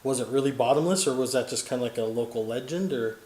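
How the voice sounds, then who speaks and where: A man's voice: medium pitch, fast, a little mellow, roomy sound, slight background noise, poor audio. A man hosting a casual family interview, asking rambling questions and cracking small jokes. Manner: chatty, joking, rambling questions. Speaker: host, grandson interviewer.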